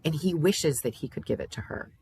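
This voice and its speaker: A woman speaking as a calm therapist, thoughtfully and in a validating way, in a reflective discussion. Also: low voice, brisk, slight background noise. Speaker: therapist, podcast guest.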